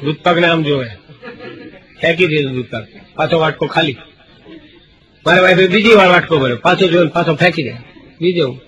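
A middle-aged man with a Kathiawadi Gujarati accent tells stand-up stories. His voice sits fairly high for a man, and he drops into hushed voices when he quotes people. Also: fairly quick, long pauses, background noise. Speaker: stand-up comedian. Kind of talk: Gujarati folk stand-up storytelling.

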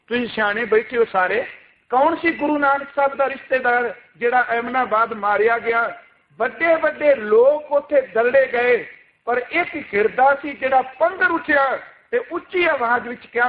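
A man with a very high voice delivers an impassioned Sikh sermon, pressing his listeners with rhetorical questions. His voice comes through thin and tinny, like over a phone line. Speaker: Sikh preacher. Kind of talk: religious sermon with recited scripture.

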